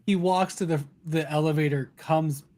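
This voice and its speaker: A man in a casual podcast conversation whose voice sits a little high. He often breaks in with quick words of agreement before giving his own view. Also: steady tone, mellow.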